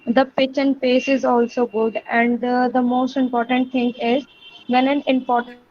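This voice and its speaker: A woman's voice: high-pitched, little pitch movement, normal speed. A female student answering her teacher's question in class. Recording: dull lo-fi connection, faint noise.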